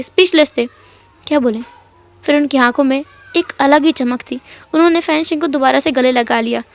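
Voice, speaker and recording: A woman narrating a fan fiction story in a chatty, emotional retelling style. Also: sits high. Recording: dull lo-fi audio.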